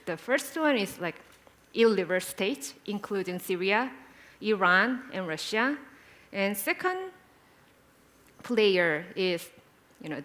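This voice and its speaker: Woman at a panel, talks slow, lots of ums and little side comments. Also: mid-range voice, fairly bright tone. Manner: hesitant, many fillers, chatty asides. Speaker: panel moderator and speaker. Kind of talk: conference panel talk. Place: conference hall.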